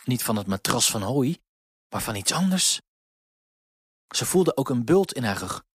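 A man reading a children's story aloud in a gentle, expressive way. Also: medium pitch, measured pace, breathy edge, dry recording, studio quality.

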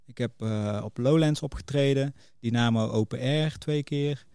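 A man's voice: medium pitch, normal speed, mellow, clear, resonant tone, dry recording, studio quality. A middle-aged man chatting casually as a podcast guest, telling anecdotes about his working life. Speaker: podcast guest, music booker.

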